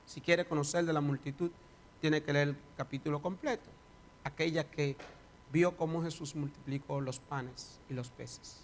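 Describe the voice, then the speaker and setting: A man's voice: fairly high pitch, fairly even intonation, moderate pace. A man preaching a sermon in church, reading scripture dramatically and then leading a prayer. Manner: dramatic reading, voice rising and falling. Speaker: pastor.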